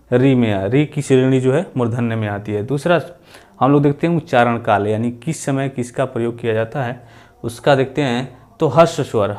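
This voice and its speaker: A man's voice: a little high, a little mellow. Man teaching exam grammar. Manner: explanatory, repeats himself, demonstrates vowel sounds aloud. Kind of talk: exam-prep lecture.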